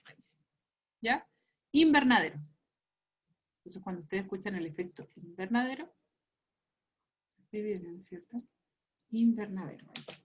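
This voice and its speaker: A woman's voice: mid-range voice, normal speed, long pauses, fairly bright tone, slightly rough, lo-fi sound. A Chilean woman teaching a science class online, reviewing a quiz with a playful, teasing manner and frequent laughter. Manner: teasing, laughs often, explains patiently.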